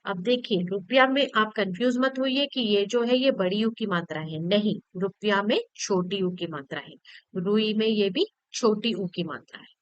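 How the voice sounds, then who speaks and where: A woman's voice: medium pitch, normal speed, clear, resonant tone, dry recording, muffled recording. A woman teacher patiently explaining a grammar lesson to children, repeating points and checking that they follow.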